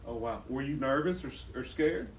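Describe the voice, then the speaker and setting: A man interviewing someone, asking gentle, conversational questions. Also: mid-range voice, a little fast. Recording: roomy echo, distant mic, faint noise.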